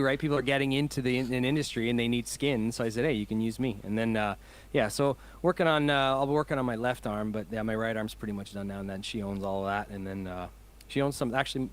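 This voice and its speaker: Talking fast at a medium pitch, a male musician rambles enthusiastically through a casual video-call interview as a guest, laughing frequently.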